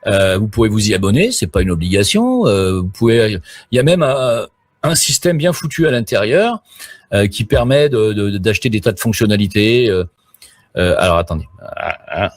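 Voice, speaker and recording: A man's voice: lowish voice, very animated, moderate pace, no echo, clean studio sound. A middle-aged man chatting on a live stream, rambling with many hesitations and crude slang. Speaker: live streamer promoting his platform.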